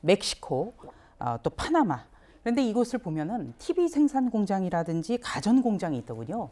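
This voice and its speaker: A woman's voice: medium pitch, big pitch swings, moderate pace, warm tone. A female politician on a TV news panel, analyzing point by point. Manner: analytical, lists points one by one. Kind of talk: TV panel commentary.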